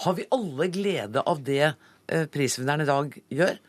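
A male news anchor leading a studio interview, brisk but light and self-deprecating. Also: a little high, animated, no room sound. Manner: light, joking about not understanding.

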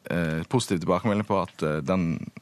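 A male linguist being interviewed, explaining patiently and pausing often to find his words. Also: sits low. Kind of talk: radio interview.

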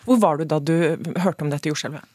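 Low-voiced woman radio host. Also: a little mellow, no room sound, studio quality. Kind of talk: radio interview and program hosting.

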